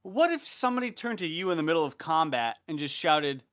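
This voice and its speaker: Animated, profane male storyteller. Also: a little high, a little fast, smooth. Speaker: podcast guest recounting field exercise. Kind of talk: casual storytelling.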